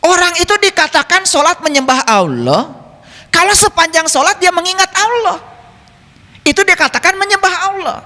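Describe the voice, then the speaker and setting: A man's voice: very high-pitched, big pitch swings, moderate pace, bright, forceful tone. A man giving spiritual teaching to an audience, often asking them questions. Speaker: religious teacher. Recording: echoey hall with long reverb.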